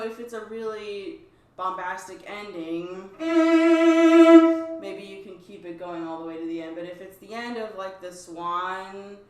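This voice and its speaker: This co-host and string teacher talks through string technique in a relaxed, casual chat. Her voice is medium in pitch and slightly bright. She's recorded from a distance in a room with noticeable echo.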